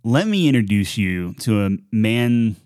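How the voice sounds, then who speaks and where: A man's voice: fairly low pitch, sing-song, a little slow, a little mellow, dry recording, clean studio sound. A man co-hosting a podcast, joking and riffing loosely in casual chat. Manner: loose, joking, riffs and banter. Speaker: podcast co-host.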